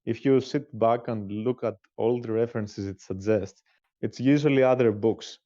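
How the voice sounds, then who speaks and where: A man's voice: mid-range voice, steady tone, normal speed, warm tone, dull audio. A man in a casual online chat, talking in a hesitant, thoughtful way.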